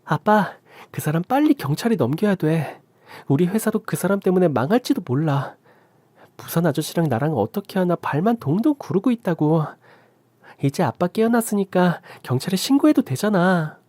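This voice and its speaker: A man's voice: animated, moderate pace, a little mellow, breathy edge, no room sound. A man voicing a young adult daughter, a wronged and furious wife, pleading and often tearful. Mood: urgent, indignant. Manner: pleading, rising to shrill, tearful.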